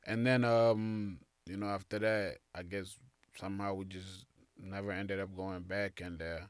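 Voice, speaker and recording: A man in his late twenties, from Somalia, telling his story as a guest DJ in an easygoing, halting way in a casual interview. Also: deep voice, steady tone, clear, resonant tone, no room sound. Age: late 20s. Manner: easygoing, halting, laughs often.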